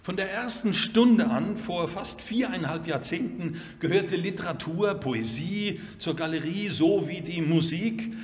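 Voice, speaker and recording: An older man, the gallery owner, reciting spring poems in a measured, lilting way. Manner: measured, lilting, with lively pitch. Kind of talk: slow, expressive poetry recitation. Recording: long hall reverb.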